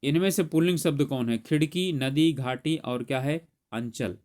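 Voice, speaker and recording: A man's voice: fairly high pitch, moderate pace, a little mellow. A man teaching grammar, solving an exam paper aloud step by step and correcting himself as he goes. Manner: explains step by step, corrects himself mid-sentence.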